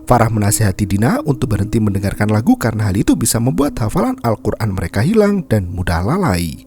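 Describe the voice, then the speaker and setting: A man's voice: on the low side, very animated, quick pace, a little mellow. A man narrating a film recap as scripted, dramatic storytelling.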